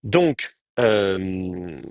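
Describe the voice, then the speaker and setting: A man's voice: low-pitched, expressive, drawn-out words, darkish tone, no echo. A man teaching an advanced Hebrew class, explaining grammar step by step with many fillers and restarts.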